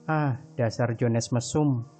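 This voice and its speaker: A man's voice: mid-range voice, fairly even intonation, slow, mellow, faint music behind, close to an everyday voice. A man voicing a chatty young woman roommate who teases, in a read horror story. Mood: teasing. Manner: teasing, chatty. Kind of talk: storytelling character voice.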